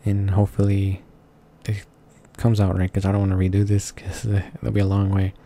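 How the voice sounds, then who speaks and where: He has a low, creaky voice with completely flat delivery and talks fairly quickly. A gaming channel host, he reads along with a visual novel like an amateur, stumbling, correcting himself and chatting in asides, with game music soft in the background.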